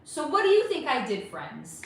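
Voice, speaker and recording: A woman hosting a livestream, telling dating stories in an animated, blunt way with some swearing. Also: high-pitched, normal speed, vocal fry. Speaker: spiritual reader and livestream host. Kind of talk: casual livestream storytelling. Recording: very echoey room, faint noise.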